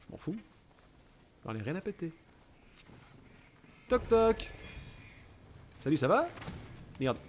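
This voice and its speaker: A man's voice: a little high, very animated, normal speed, pauses often, a little hiss or hum. A man casually commenting on his gameplay, chatty and sweary, full of joking asides. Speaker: let's play gamer.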